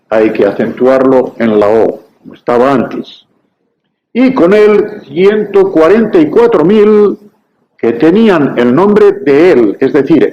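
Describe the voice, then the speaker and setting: A man from giving an evening Bible study, explaining passages in a measured way with asides on Greek words. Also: medium pitch, mellow. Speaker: Bible teacher. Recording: dull lo-fi recording with faint hiss.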